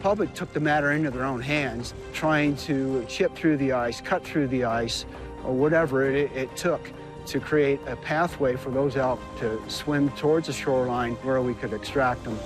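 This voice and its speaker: A man's voice: medium pitch, moderate pace, low-quality recording. A man recalling an incident in an interview as one of the rescuers. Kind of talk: interview recollection. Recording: music laid under interview.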